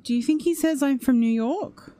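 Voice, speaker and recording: A woman's voice: sits high, moderate pace, mellow, no room sound, clean studio sound. A woman casually thinking aloud as she tries to make out the words of a recording, often hesitant and puzzling over phrases. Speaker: streamer transcribing a recording.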